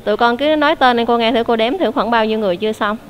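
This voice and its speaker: A woman teacher leads an online English lesson. Her voice sits a little high, and she explains each answer patiently, checking with questions. A faint hum of the room sits under her speech. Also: very fast.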